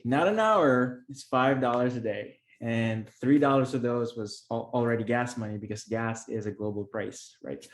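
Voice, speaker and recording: Speaking earnestly in a medium-pitched voice, this Filipino podcast guest, who invests in real estate, shares stories in a relaxed interview. He restarts often and leans on fillers, and the room around him echoes.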